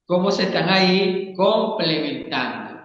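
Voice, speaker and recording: A man's voice: sits high, sing-song, a little slow, fairly bright tone. Man, psychologist guest, explanatory, checks in with the listener, long hall reverb. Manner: teaching, checks in with the listener often. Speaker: psychologist and Gestalt therapist, interview guest. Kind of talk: explanatory interview talk. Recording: echoey room, long reverb, dull sound.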